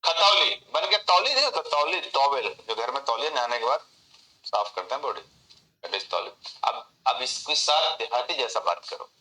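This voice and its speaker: A man teaching an online memory class, animated and talking straight to students by name while mixing English phrases into his Hindi. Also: mid-range voice, moderate pace, reverberant, rough recording.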